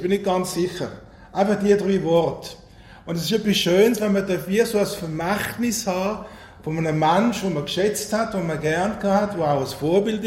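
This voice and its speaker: Recorded in a roomy hall with faint ambience, a Swiss German-accented man with a high-pitched, darkish voice preaches conversationally. He frequently asks his congregation questions.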